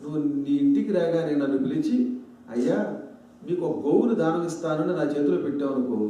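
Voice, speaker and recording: A man voicing a gentle, patient old monk who answers insults with mild, teasing questions. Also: fairly high pitch, animated, fast talker, heavy reverb, distant mic, dull audio, slight background noise, voice pushed down, natural voice. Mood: calm, teasing.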